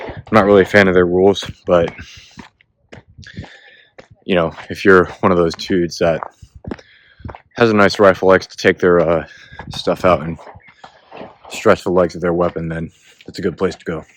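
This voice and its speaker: A man's voice: sits low, level tone, moderate pace, pauses often. A man vlogging while he hikes, a little out of breath, talking in a rambling, laid-back way with lots of filler words. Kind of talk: casual vlog talk while hiking. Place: outdoors on a hiking trail. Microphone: self-filming camera. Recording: noisy outdoor recording, gunfire. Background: distant gunfire from a shooting range.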